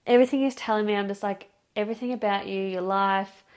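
Young woman, podcast host, casual storytelling, expressive, filler-heavy, mid-pitched voice. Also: quick pace. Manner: chatty, expressive, heavy use of "like" and swearing.

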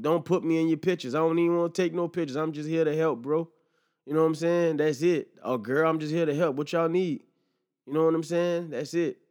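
A young man hosting his own podcast, talking in a rambling, slangy, casual monologue, swearing freely and filling pauses with "you know what I'm saying". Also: on the high side. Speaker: podcast host.

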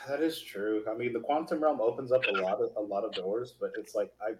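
A man's voice: fairly low pitch, a little fast, background noise. Laid-back slangy young man, roomy sound. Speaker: podcast co-host. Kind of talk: casual trailer-reaction chat.

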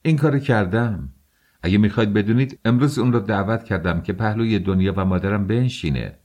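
A man's voice: on the low side, a little mellow, close to an everyday voice. A man voicing a brooding young man who speaks bluntly and defiantly, in an audiobook. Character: brooding young man, defiant toward his sister's suitor.

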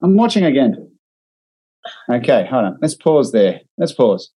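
A man's voice: medium pitch, big pitch swings, measured pace, mellow, breathy edge, poor audio. A man with an Australian accent co-hosting a casual podcast, talking marketing with wry, dry humor. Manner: wry, dry humor, reads out and critiques clips. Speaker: podcast co-host and digital marketer. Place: remote call.

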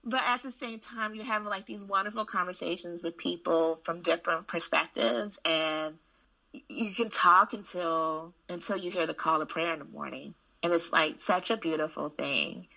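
Frank, gravelly-voiced woman telling stories. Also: lowish voice, normal speed, rough recording. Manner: candid, frank, animated storyteller with frequent restarts. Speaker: school administrator. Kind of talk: casual conversation.

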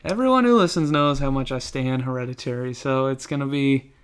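A woman's voice: rumbling low, a little fast. A woman co-hosting a podcast in casual chat, who laughs often and trails off mid-sentence. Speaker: podcast co-host.

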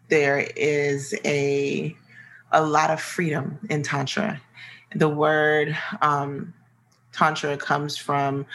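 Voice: medium pitch, creaky, a bit bright, poor audio. An interview guest from the American Midwest, explaining earnestly and searching for the right words. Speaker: interview guest, sex coach. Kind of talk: casual interview conversation.

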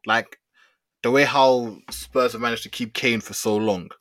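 A man's voice: medium pitch, fairly even intonation, a little slow, a bit bright. A young man with a London roadman accent, debating football casually in slang peppered with "bro", "man" and "yeah". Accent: London, urban street slang (roadman).

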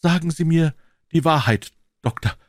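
A man's voice: sits high, unhurried, gravelly, a little mellow, husky, no room sound, studio quality, voice pushed up, heavily acted. A man voicing a young, shy, grief-stricken male officer who pleads and stammers. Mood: anxious.

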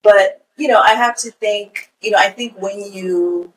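A woman in her forties who grew up in Kenya, a podcast guest telling stories in a relaxed way with frequent "you know". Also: mid-range voice, a little slow, recorded from a distance, poor audio. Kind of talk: casual conversation.

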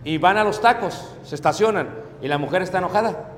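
A man's voice: high-pitched, fairly quick, a little hiss or hum. Man preaching in an echoey hall. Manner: acts out husband and wife dialogue with lively voices; asks the audience for agreement. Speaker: pastor. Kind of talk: sermon on marriage to a congregation. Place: church hall. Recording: echoey hall with long reverb.

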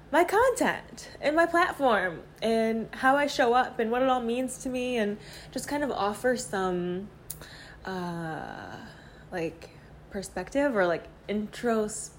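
A woman hosting a podcast, recorded as a phone voice memo while walking around her apartment, talking in a candid, rambling, out-loud journaling way with lots of fillers. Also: fairly high pitch, slight background noise. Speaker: podcast host.

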